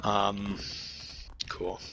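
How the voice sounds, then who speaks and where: A young man chatting casually from home while gaming, rambling and halting, swearing often. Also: on the low side, monotone, vocal fry, faint music behind. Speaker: podcast guest. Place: home, at his girlfriend's parents' place. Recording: loud game gunfire behind voice. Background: video game gunfire and explosions.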